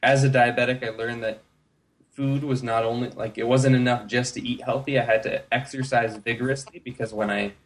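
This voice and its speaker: Speaking at a slightly quick clip and a medium pitch, a thirty-something American man recounts his own experiences. He's a relaxed guest in a casual interview and uses many fillers.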